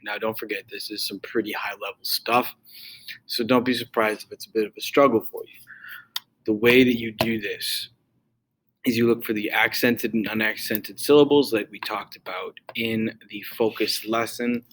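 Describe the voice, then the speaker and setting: Bright-voiced casual male teacher. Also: on the low side, steady tone, moderate pace, a little hiss or hum, low-quality recording. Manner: casual, conversational explaining with fillers. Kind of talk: recorded classroom tutorial.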